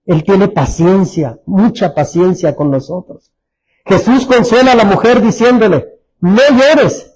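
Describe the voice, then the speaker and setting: A man preaching a sermon as pastor, Mexican Spanish accent, repeating phrases and dropping to soft, low tones for emphasis. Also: poor audio. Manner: repeats phrases, restarts words.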